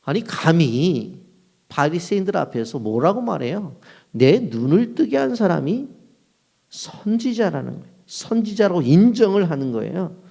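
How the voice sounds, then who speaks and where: Korean pastor preaching, rhetorical questions. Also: male voice, high voice, very animated, moderate pace, vocal fry, a little mellow. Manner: asks the congregation rhetorical questions and answers them; acts out quoted lines in short bursts. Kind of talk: sermon.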